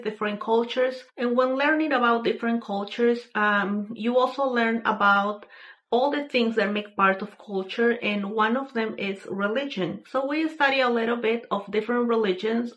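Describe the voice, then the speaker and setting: A woman's voice: a little high, a bit bright, highs cut off. Earnest woman from Peru. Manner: earnest, unhurried, with frequent fillers and restarts. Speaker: vlogger sharing a personal story. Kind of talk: casual personal testimony.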